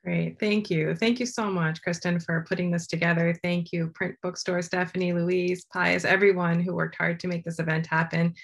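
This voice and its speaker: A woman from Maryland, an author speaking on a video call in an earnest, reflective way with gentle hesitations. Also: lowish voice, little pitch movement, moderate pace, gravelly, few pauses. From United States (Maryland). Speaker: author guest. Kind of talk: casual talk over a video call.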